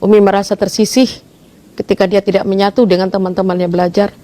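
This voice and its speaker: A middle-aged woman, retelling a family story in an interview, swinging between soft murmurs and sudden loud exclamations. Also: mid-range voice, flat delivery, fast talker. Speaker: interviewed mother. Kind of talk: emotional personal storytelling.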